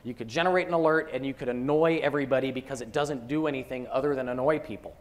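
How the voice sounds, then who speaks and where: A man presenting software at a conference, talking through a live demo with joking asides. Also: mid-range voice, steady tone, fast.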